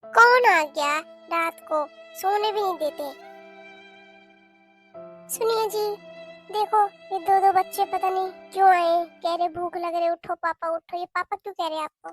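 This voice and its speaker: A woman's voice: very high voice, steady tone, measured pace, long pauses, fairly bright tone, faint music behind. A woman voicing a newly married young stepmother who complains and scolds, in a cartoon. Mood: angry. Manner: complaining, reproachful.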